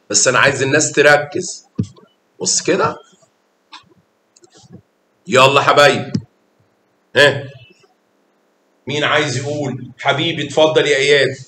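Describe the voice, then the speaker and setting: In an echoey classroom with a faint rumble, a math teacher with an Egyptian Arabic accent instructs young children. His voice is bright and forceful with a steady tone and moderate pace, and he pauses often, patiently and affectionately coaxing the kids with pet names.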